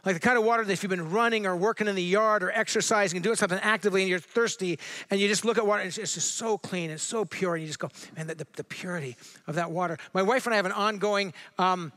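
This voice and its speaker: With a high, bright and forceful voice, this middle-aged Southern Californian pastor delivers his sermon in a conversational style. When reading scripture, he slows and stresses the words.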